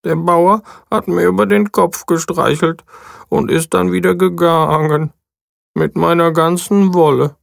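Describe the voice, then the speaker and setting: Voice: mid-range voice, fairly even intonation, a little slow, vocal fry, no echo, clean studio sound, pitched above the performer's own voice. A storyteller voicing a vain, self-pitying male sheep who has just been sheared, wailing in a children's audiobook. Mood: lamenting. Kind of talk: audiobook character voice.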